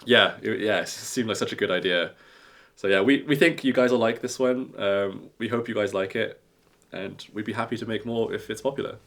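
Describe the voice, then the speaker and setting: Low-pitched man co-hosting a casual podcast. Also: brisk, a bit bright. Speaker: podcast co-host and co-founder of a craft business.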